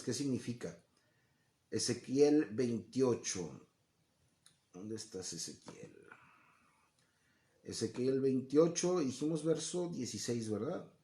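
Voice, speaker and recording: A man's voice: mid-range voice, sing-song, unhurried, long pauses, mellow. A man teaching from the Bible in a conversational way, often checking in with listeners and acting out quoted voices. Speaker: preacher. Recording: echoey room.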